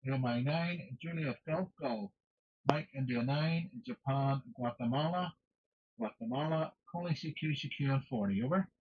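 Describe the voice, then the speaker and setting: A man's voice: mid-range voice, moderate pace. Man calling on ham radio, dull static-tinged sound. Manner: formulaic, spells call signs in phonetic alphabet. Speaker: amateur radio operator.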